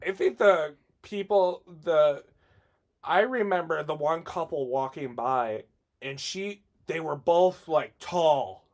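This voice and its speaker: Male podcast co-host, slightly higher-pitched, loose and profane storytelling. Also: lively intonation, takes it slowly. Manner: loose storytelling, heavy cursing, laughs mid-story. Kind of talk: casual chat.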